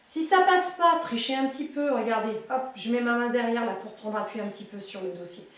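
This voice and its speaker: High-voiced woman coaching a chair workout. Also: fairly quick, noisy background. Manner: coaching, counting reps and cueing breathing; encouraging, light teasing. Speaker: fitness instructor. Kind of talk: guided chair exercise class. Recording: very echoey room, mic far off.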